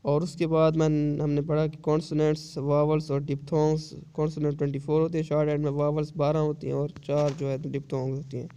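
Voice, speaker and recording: Man, shorthand teacher, patient and repetitive, mellow tone, flat delivery. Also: on the high side, fast talker, hardly any pauses, clear, resonant tone. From Pakistan. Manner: patient, repetitive explaining with frequent checks. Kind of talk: online lesson.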